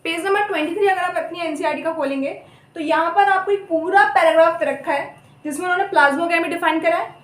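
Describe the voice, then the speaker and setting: High-voiced young woman teaching, echoey. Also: far from the mic. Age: young adult. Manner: chatty, apologetic, repeats terms slowly. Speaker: biology teacher. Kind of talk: casual Hindi lecture with mnemonics. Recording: echoey room, voice off-mic.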